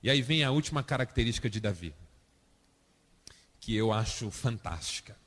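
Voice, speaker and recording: Dramatic pastor preaching in a hall. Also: male voice, lively intonation, moderate pace. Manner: dramatic, acts out quoted voices with big swings of pitch and loudness. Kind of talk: sermon.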